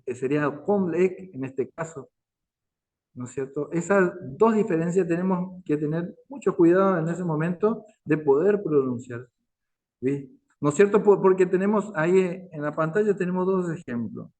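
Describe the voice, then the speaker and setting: A man's voice: sits high, darkish tone. A man teaching a language class online, patient and repetitive, constantly checking in with his listeners. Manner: slow, patient, repeats words and asks "¿no es cierto?".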